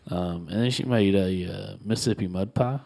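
A man's voice: deep voice, moderate pace, vocal fry, dark tone. A man from Southern Arkansas with a Southern accent, chatting casually as a co-host and telling teasing stories. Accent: Southern American. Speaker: podcast co-host. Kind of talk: casual chat.

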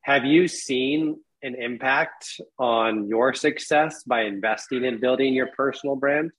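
A man's voice: mid-range voice, measured pace, fairly bright tone, slightly rough, low-quality recording. A man hosting a podcast, asking casual, hedging questions with "kind of" and "um". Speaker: podcast host. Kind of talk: interviewing a guest.

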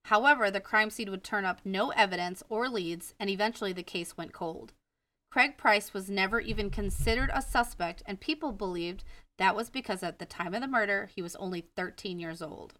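A woman's voice: mid-range voice, moderate pace, bright, forceful tone, no room sound, distant mic. A woman with a Wisconsin accent co-hosting a casual true-crime podcast, reading the case from her notes and stumbling over names now and then. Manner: reads from notes, stumbles on names, laughs at herself. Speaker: podcast co-host.

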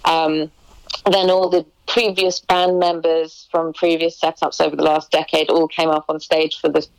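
A woman's voice: deep voice, flat delivery, normal speed, smooth, dry recording, rough recording. A young woman musician chatting in an interview, hesitant, with many restarts and ums. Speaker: musician guest. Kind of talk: casual interview chat.

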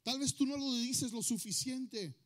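Switching back and forth between English and Spanish, a pastor delivers a sermon and asks his listeners questions. He speaks unhurriedly in a very high-pitched, slightly bright male voice.

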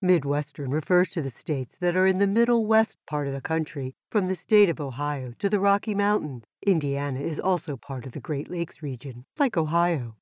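A woman voicing a smart, patient tortoise who explains things precisely and in a measured way for a children's educational show. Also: sits low, a little mellow, dry recording, studio quality, lightly acted. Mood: helpful, instructive. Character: super smart tortoise, patient, knowledgeable and friendly. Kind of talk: scripted educational dialogue for children.

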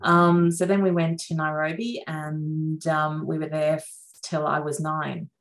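A middle-aged woman from Sri Lanka, a surgeon, chatting reflectively with plenty of fillers in a relaxed interview. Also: low-pitched, measured pace, rough recording. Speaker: surgeon guest.

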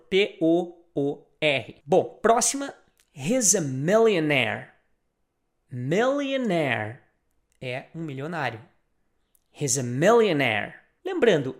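A man teaching a video lesson, repeating example phrases slowly and deliberately. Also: on the high side. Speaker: language teacher.

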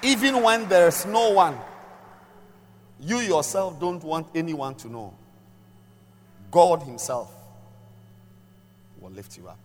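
An older man preaching a sermon in a deliberate way, pausing and repeating phrases for emphasis. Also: on the high side, animated, a little hiss or hum. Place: large church hall during a service. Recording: long echoing hall reverb, music behind.

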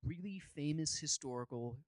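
A man's voice: fairly high pitch, moderate pace, a little mellow, dry recording. A young man co-hosting a casual group chat, joking and slipping into mocking voices. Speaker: podcast co-host.

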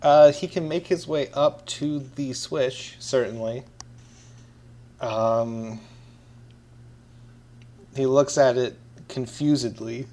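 A man running a tabletop game as game master, narrating in a relaxed way with many fillers. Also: medium pitch, slow pace, pauses often.

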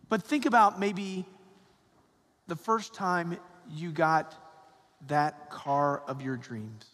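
Priest in a cathedral echo, high-voiced. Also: male voice, fairly bright tone. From Georgia, US. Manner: slow, measured reading, then chatty homily with "right?" asides. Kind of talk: gospel reading and homily. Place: large church. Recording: long church reverb, cathedral echo.

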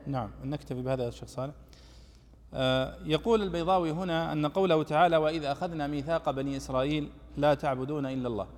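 Fast-talking man teaching in echoey hall. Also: a little high, a little mellow. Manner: explanatory, addresses students directly. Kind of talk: Quranic commentary lesson. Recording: echoey hall with long reverb.

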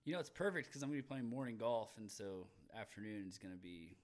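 A man's voice: on the low side, lively intonation, fast talker. A man co-hosting a podcast, joking crudely about golfers and laughing a lot. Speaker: podcast co-host. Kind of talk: casual golf chat.

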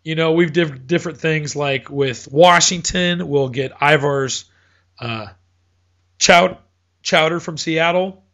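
A man's voice: fairly high pitch, slow, a bit bright, lo-fi sound. A man hosting a casual sports chat, rambling and correcting himself as he talks, with hiccups. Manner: rambling, self-correcting, chatty. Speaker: podcast host.

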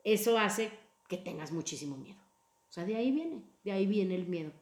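A woman hosting a casual podcast chat about emotions, talking in an expressive, playful way. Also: mid-range voice, a little fast, echoey room. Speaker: podcast host.

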